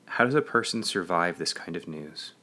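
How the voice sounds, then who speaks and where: A man's voice: deep voice, lively intonation, moderate pace, pushed and bright. A middle-aged man reading a memoir audiobook in an earnest, reflective way. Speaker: audiobook narrator. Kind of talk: scripted narration of a memoir.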